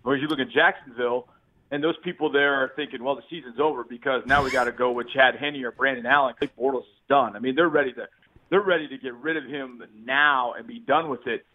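A man's voice: mid-range voice, steady tone, fast talker. Male sports reporter phoning in over Bluetooth, lo-fi and tinny, easygoing storyteller. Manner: chatty, easygoing storyteller who laughs often. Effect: phone call over a Bluetooth line that cuts in and out. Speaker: sports reporter calling in as guest. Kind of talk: casual sports radio chat by phone. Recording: tinny lo-fi phone line.

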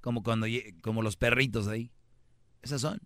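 A man's voice: mid-range voice, fairly even intonation, normal speed, a bit bright, no echo. A man with a Mexican accent hosting a call-in radio advice show, blunt and teasing in a preachy way. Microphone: studio microphone.

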